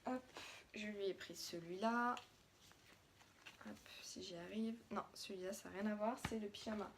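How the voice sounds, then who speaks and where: A woman's voice: medium pitch, steady tone, moderate pace, background noise. Chatty French mother showing kids' clothes. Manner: chatty, many fillers and restarts. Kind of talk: casual haul vlog.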